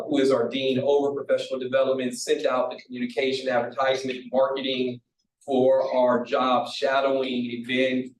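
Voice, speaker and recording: Man chairing a meeting in an echoey room. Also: medium pitch. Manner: relaxed, joking asides. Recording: echoey room from far off, faint hiss.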